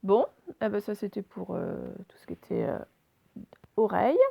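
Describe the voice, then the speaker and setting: In a phonics reading lesson, a woman with a medium-pitched, creaky, dark-toned voice sounds out letters slowly and carefully. She is very animated and keeps asking her young audience questions.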